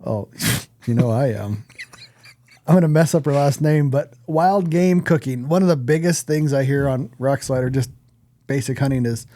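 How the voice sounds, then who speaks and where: A man co-hosting a podcast chats casually in a mid-range, dark-toned voice at normal speed. He talks bluntly and plainly, with some casual swearing.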